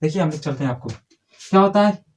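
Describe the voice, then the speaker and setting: A man's voice: a little high, expressive, brisk. A man teaching a grammar lesson to a class, drilling and correcting pupils in a scolding, repetitive way.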